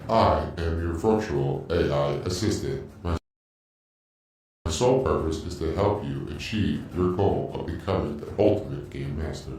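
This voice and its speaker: A man voicing a calm, menacing evil AI assistant in a fan dub, speaking in a slow, cold, even manner. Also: extremely low pitch, slight background noise. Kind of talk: fan dub recording takes. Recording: very echoey, distant from the mic, faint music.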